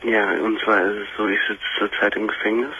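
A man in his twenties calling in to a radio show, speaking quietly and hesitantly. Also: lowish voice, level tone, a little fast. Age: 20s. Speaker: caller. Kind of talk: phone-in call. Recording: muffled line with hiss.

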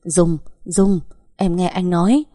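A woman's voice: fairly low pitch, fairly even intonation, dark tone, no echo, studio quality. Woman doing a stammering, ashamed young man. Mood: pleading. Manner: faltering, halting.

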